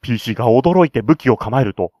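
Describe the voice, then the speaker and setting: A man's voice: mid-range voice, lively intonation, quick pace, dark tone, dry recording, clean studio sound. A man acting as game master, narrating a tabletop role-play scenario with chatty, enthusiastic side remarks.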